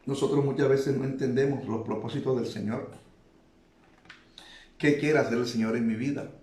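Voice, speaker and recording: Man, preacher, middle pitch, repeats phrases, echoey room. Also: steady tone, normal speed, dark tone, slight background noise. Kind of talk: sermon.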